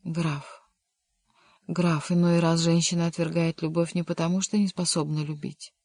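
A reader voicing a loyal, sympathetic male servant in an audiobook, speaking lower and more quietly, in a measured, subdued way. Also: flat delivery, no room sound, clean studio sound, close to an everyday voice. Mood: grave. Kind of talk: audiobook reading.

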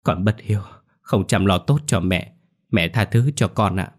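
A grieving young husband from a spoken horror story, earnest and subdued, as a male narrator plays him in a very low, deep voice. Plain and sincere. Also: moderate pace, close to an everyday voice.

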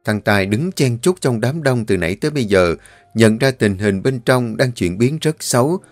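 A man's voice: mid-range voice, normal speed, dry recording. Man narrating a story. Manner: steady, vivid narration. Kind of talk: scripted audiobook narration. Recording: dry voice with faint music.

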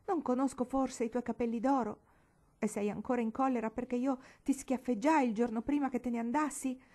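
A woman's voice: fairly high pitch, fairly even intonation, a little fast, warm tone, pitched above the performer's own voice, close to an everyday voice. A woman reading an audiobook, voicing an unhinged, grieving older noblewoman who pleads with feverish tenderness. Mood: wounded.

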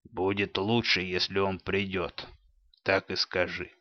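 A man's voice: low voice, little pitch movement, measured pace, no echo. Man playing a grim robber chief. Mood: menacing. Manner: menacing, gruff. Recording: dull dry lo-fi sound.

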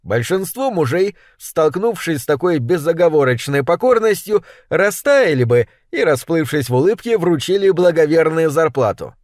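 Male audiobook narrator, deadpan and measured, fairly high voice, dry close recording. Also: no echo. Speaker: audiobook reader. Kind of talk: scripted narration.

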